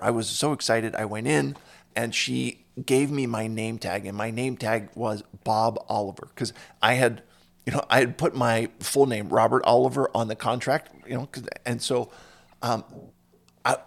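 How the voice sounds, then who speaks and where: A man hosting a casual interview conversation, telling stories and getting animated when he quotes other people. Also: medium pitch, gravelly.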